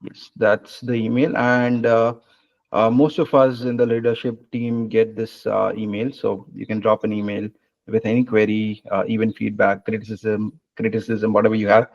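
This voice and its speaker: A man wraps up a webinar over a video call, talking in a relaxed way with plenty of fillers and pauses. His voice has a gravelly edge, and the audio sounds muffled and lo-fi. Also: fairly low pitch. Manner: relaxed, many fillers, hesitant phrasing. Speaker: webinar host. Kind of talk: casual webinar Q&A and wrap-up.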